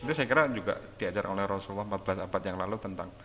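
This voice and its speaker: A middle-aged man talking casually about a book, reflective and hesitant, often pausing with fillers. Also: deep voice, a bit bright, big-room sound, a little hiss or hum.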